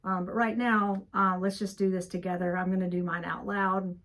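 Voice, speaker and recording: A woman therapist with a creaky voice talks listeners through a calm grounding exercise in an informal, unscripted way, recorded in an office. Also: medium pitch, moderate pace. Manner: conversational, unscripted, filler-heavy. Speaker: therapist teaching a mindfulness exercise. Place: office, indoors.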